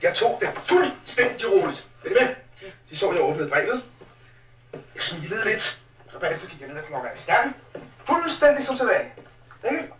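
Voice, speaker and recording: An agitated husband in an old film. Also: male voice, high voice, very animated, pauses often, a bit bright, faint music behind. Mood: insistent. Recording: dull old film sound off a TV, distant and roomy.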